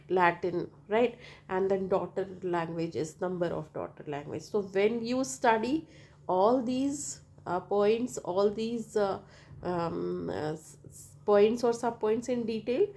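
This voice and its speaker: A woman with an Indian accent giving a lecture explanation as a teacher, halting and repetitive, often checking in with "right?". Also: mid-range voice, darkish tone. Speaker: linguistics teacher.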